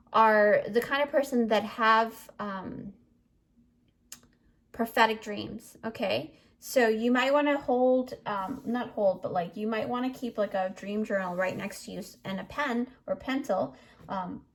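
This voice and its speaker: Chatty higher-voiced woman reading tarot. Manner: chatty, meandering, many fillers and restarts; addresses the viewer directly, reassuring. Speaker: tarot card reader. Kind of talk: casual pick-a-card tarot reading to viewers.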